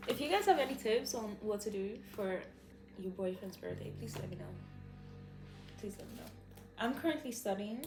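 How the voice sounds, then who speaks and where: A young woman from Nigeria in her twenties, chatting to camera in a giggly, earnest way. Her voice sits at a middle pitch and bounces around a roomy, echoey space. Music plays clearly behind her. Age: 20s. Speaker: vlog co-host. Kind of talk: casual chat to camera. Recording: echoey room with background music.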